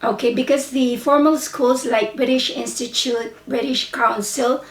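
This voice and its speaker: With a Filipino accent, a woman who vlogs and teaches English addresses her viewers casually, drifting slowly from point to point and often correcting herself. Her slightly high voice has fairly even intonation, and the recording is roomy, picking her up from a distance.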